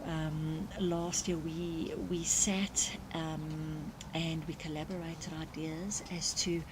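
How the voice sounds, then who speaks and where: A woman's voice: low voice, little pitch movement, slow pace, background noise. A woman with a South African accent giving live, unscripted sports commentary. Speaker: commentator and club marketing organiser.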